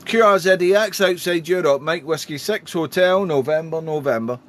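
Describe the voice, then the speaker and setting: Here a fairly high-pitched man speaks at a moderate pace, working the amateur bands with phonetic call signs and warm, casual chat. Background radio noise is clearly audible throughout.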